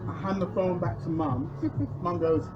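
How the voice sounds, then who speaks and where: An adult guest at a family gathering, telling a funny story in an animated way and laughing through it. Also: medium pitch, a little slow. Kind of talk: casual anecdote telling. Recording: dull lo-fi sound with loud chatter and noise.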